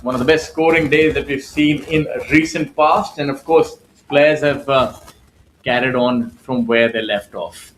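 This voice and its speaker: A man's voice: medium pitch, fairly even intonation, a little slow, a bit bright, slight background noise, rough recording. A man hosting a live golf broadcast from the studio, opening the show with flowery, showman-like introductions. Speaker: studio host.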